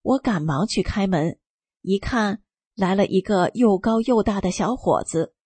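A woman reading a first-person testimony aloud, telling it in a calm and steady way. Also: mid-range voice, a little slow, slightly rough, no echo. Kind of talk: scripted narration.

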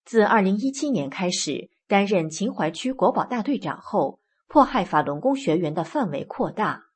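Breathy woman reading the news. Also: medium pitch, normal speed. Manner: steady formal read. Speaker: news reader. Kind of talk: scripted news narration.

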